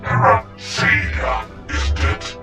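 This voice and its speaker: A man playing a menacing, gloating cyborg general with a deep, heavily accented, mechanical rasp in an audio story. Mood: mocking menace. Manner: mocking, drawn-out menace. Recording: heavy reverb, music behind.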